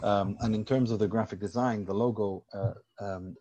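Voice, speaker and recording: This man's lowish, warm voice keeps a fairly even intonation at a normal speed, with slight background noise behind it. He's a football journalist from Sweden on a casual podcast, laying out his opinions at length and with firm confidence.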